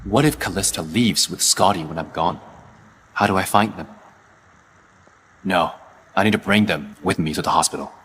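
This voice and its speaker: A man's voice: sits low, normal speed, long pauses, a bit bright, slight background noise. An actor playing a cold, commanding young husband and father who speaks in firm, clipped lines. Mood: stern. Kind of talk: dubbed drama acting.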